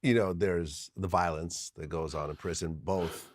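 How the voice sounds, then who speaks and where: A male interviewer leading with measured, probing questions. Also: low-pitched, fairly even intonation, dry recording, studio quality.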